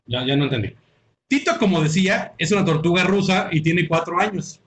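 A man's voice: sits high, fairly quick. A man with a Mexican Spanish accent who hosts a podcast, reading a listener's story aloud in casual comedic chat and laughing often. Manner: animated, laughs often, reads aloud with playful voices.

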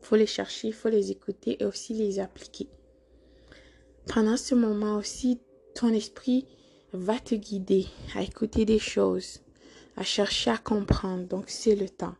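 A woman's voice: mid-range voice, steady tone, a little slow, creaky, darkish tone, husky. A woman hosting a motivational podcast, speaking earnestly and coaxingly to the listener, often checking in with "d'accord?". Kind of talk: motivational monologue.

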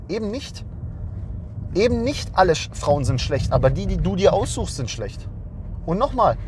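A man's voice: fairly high pitch, darkish tone, a little hiss or hum. A man in his twenties, a dating coach ranting bluntly to camera and scolding his viewers.

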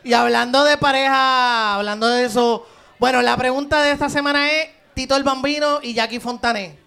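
A Puerto Rican man with a strikingly high, bright and smooth voice co-hosts a live podcast. He drops cheeky, teasing one-liners into the chat. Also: fairly even intonation, moderate pace. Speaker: podcast co-host.

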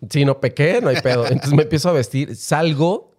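A man's voice: a little high, brisk, darkish tone. A man with a Mexican accent, co-hosting a podcast, telling a crude story in casual, slangy talk with lots of laughing. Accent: Mexican Spanish. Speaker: podcast co-host. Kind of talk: casual chat.

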